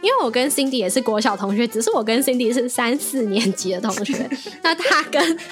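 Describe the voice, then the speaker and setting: Woman, young adult, high voice, podcast co-host, brisk matter-of-fact chat, faint music. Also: lively intonation. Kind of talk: casual chat.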